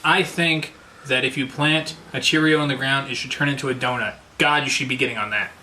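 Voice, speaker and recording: A man's voice: mid-range voice, steady tone, fairly quick, sharp tone. A man taking part in a challenge, chatting casually with dry, joking remarks. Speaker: challenge participant. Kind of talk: casual chat. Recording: noisy background.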